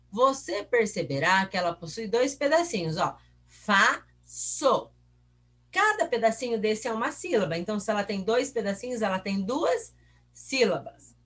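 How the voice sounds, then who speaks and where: Reviewing material with young pupils, the woman stays patient and encouraging, directing questions at the class. She draws example words out slowly syllable by syllable, her fairly high voice lively and swooping.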